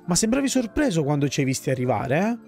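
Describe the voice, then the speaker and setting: A man's voice: a little high, sing-song, quick pace, vocal fry, darkish tone, faint music behind. A man voicing a pompous, self-assured talking magic book in a fantasy game. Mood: lecturing.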